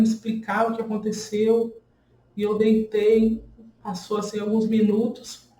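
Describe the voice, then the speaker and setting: Brazilian woman, young, warm low-key voice, halting and hurt, kinda roomy echo. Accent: Brazilian Portuguese. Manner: earnest, pained retelling with halting restarts. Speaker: person sharing a personal account. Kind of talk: personal testimony. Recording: echoey room.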